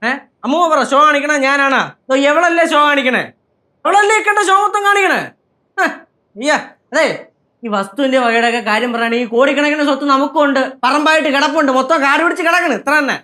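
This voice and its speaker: An actor playing a boastful, stubborn young husband in a TV sitcom, argumentative in manner. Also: male voice, quick pace. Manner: boastful, argumentative, lively swings of pitch. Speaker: sitcom character. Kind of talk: TV sitcom acting.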